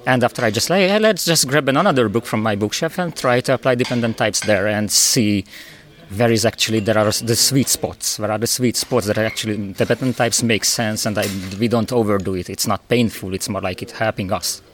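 A man from Hungary, a native Hungarian speaker, answering interview questions in a low, careful voice. He speaks plainly, with small slips in grammar. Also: brisk, a bit bright, a little hiss or hum. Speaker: conference speaker, guest.

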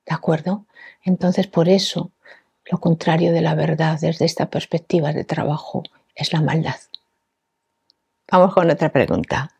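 A woman hosting a reflective spiritual talk, speaking gently with many fillers and checking in with questions like "sí?". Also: low-pitched, steady tone, unhurried, creaky, pauses often, slightly rough. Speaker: host.

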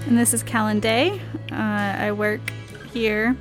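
A woman's voice: a little high, slow, music in the background, low-quality recording. A woman co-hosting a podcast, speaking in a reflective way as she talks and reads. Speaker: podcast co-host. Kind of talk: reflective podcast talk and poem reading.

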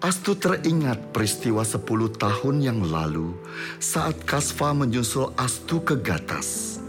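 A man's voice: mid-range voice, big pitch swings, unhurried, over music. A man narrating a scripted drama in a storytelling style.

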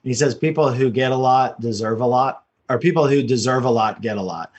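On a podcast, a man who invests in real estate shares his story in a loose, informal, meandering way. He speaks fairly quickly in a medium-pitched voice that's a little mellow and husky, and the audio has its highs cut off.

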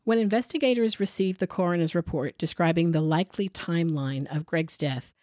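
Lower-pitched woman, blunt true crime co-host. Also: darkish tone, no echo, studio quality. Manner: blunt, sarcastic, sweary. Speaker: podcast co-host. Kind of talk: true crime narration with casual banter.

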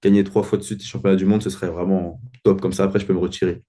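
A man speaking as a podcast guest, modest and hesitant, with many pauses and "euh"s. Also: low voice, level tone, warm tone. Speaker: guest athlete. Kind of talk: casual interview chat.

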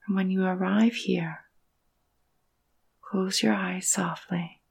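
A yoga nidra guide leads a meditation in a soft, breathy, mid-range voice with a gravelly creak at the edges. Her gentle intonation stays quite even as she offers hushed, soothing phrases separated by long pauses.

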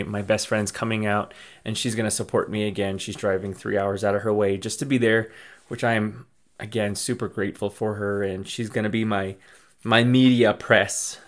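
A man with a slightly low voice talks through a loose, casual update as a podcast host. He rambles, starts over mid-sentence and repeats his thanks in an effusive, grateful way. He is from the southwestern United States. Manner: rambling, restarts and repeats phrases. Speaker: podcast host and small business owner.

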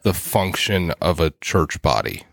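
A man co-hosting a casual church podcast, explaining ideas and citing scripture between quick laughs. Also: sits low, big pitch swings, gravelly, no echo, studio quality. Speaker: podcast co-host. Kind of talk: casual chat about church.

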